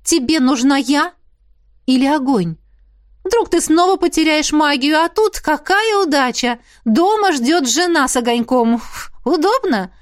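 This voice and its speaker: A woman's voice: high voice, expressive, measured pace, dry recording, clean studio sound, pitched above the performer's own voice. A woman reading an audiobook, voicing a proud young female magic student who speaks sharply and indignantly.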